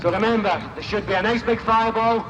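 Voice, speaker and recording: A man's voice: high voice, steady tone, quick pace, in a large hall, dull audio, over music. A man announcing a live outdoor stunt show to a crowd, with informal, jokey patter. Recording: outdoor PA, crowd and vehicle noise. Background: crowd, vehicles and outdoor noise.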